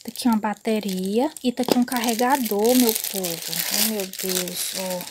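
Excited woman vlogger. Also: medium pitch, moderate pace, heavy background noise. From Northeast Brazil. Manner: excited, chatty, often drops to a murmur. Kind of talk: casual unboxing vlog. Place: indoors, on a bed at home. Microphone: phone camera.

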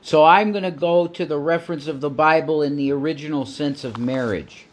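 A man's voice: fairly high pitch, fairly quick, slight background noise. A man in his thirties talking casually on a livestream at home, indignant and rambling, swearing freely. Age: 30s. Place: small dim room at home, indoors.

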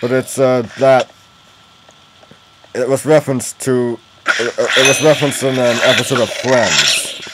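A man narrates his own gaming in a casual, rambling way, thinking out loud at a slow pace. His voice sits at a middle pitch. There is clear game noise behind him. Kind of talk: casual gameplay commentary. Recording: noisy game audio behind voice.

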